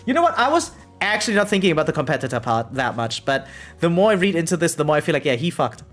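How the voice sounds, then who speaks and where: A fast-talking variety streamer with a middle-pitched voice reacts animatedly over music, exclaiming freely and checking in with "right?" again and again while shifting between reading aloud and chatting.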